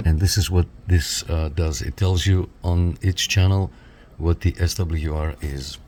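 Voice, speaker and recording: This man's voice sits low and a little mellow, with fairly even intonation and a measured pace, and there's slight background noise. He's a radio reviewer casually demonstrating a piece of equipment, talking viewers through it step by step.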